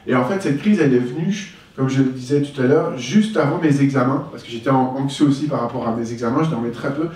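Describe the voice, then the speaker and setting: A man giving a candid personal testimony, reflective and unhurried, at a middle pitch. He is picked up from a distance, and the room echoes heavily around him. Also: darkish tone. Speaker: speaker giving a talk.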